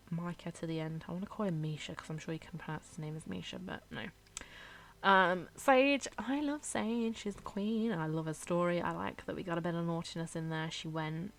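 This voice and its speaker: A young woman chats casually in a fairly low voice, rambling with fillers and little giggles. Faint music plays softly behind her. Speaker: YouTuber ranking characters. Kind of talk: casual chat over gameplay.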